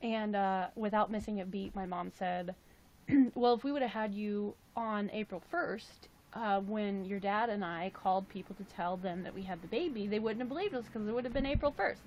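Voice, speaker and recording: Her darkish tone comes through dull audio at a moderate pace. This woman, in her late twenties, is hosting a relaxed livestream where she reads viewer comments, chats, jokes, and throws in playful high exclamations.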